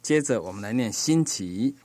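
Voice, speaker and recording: A man teaching a language lesson, reading words slowly and pronouncing each one with care. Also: mid-range voice, expressive, dark tone, dry recording. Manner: slow, deliberate, pronouncing each word carefully. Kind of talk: slow recorded language lesson.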